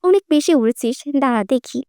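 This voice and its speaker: A woman's voice: high voice, animated, fairly quick, a little mellow, clean tone, no room sound, voice pushed down. Taunting young man, voiced by a woman reader, audiobook story, dry read. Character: teasing young man, cousin.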